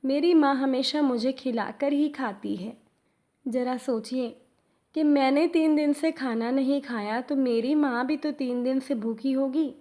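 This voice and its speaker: A woman voicing a hungry little street boy who pleads softly and tearfully. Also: sits high, measured pace. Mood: earnest.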